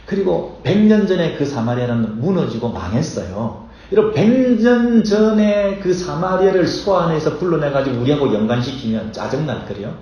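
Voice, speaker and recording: A man's voice: fairly high pitch, very animated, moderate pace, hardly any pauses, dark tone. A male pastor preaching a sermon in a church, speaking with impassioned, rhetorical energy and voicing his listeners' objections in the first person. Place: church sanctuary. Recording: very echoey hall, dull muffled sound.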